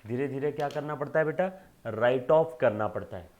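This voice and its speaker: A man's voice: medium pitch, brisk, a little mellow. A male accountancy lecturer giving an emphatic classroom lecture, checking in with rhetorical questions and fondly addressing students as children.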